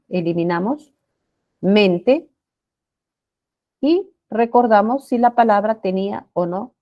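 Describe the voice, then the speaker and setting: This is a classroom lesson on spelling led by a woman whose voice sits at medium pitch. Patient throughout, she restates key points, checks comprehension with quick questions, and elongates the words she uses as examples.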